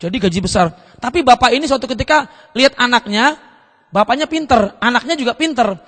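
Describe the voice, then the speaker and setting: A man's voice: very high voice, lively intonation, fairly quick, fairly bright tone. A male pastor preaching at a seminar, telling a story and questioning the audience often. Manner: asks the audience frequent rhetorical questions. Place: church seminar hall. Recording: long hall reverb.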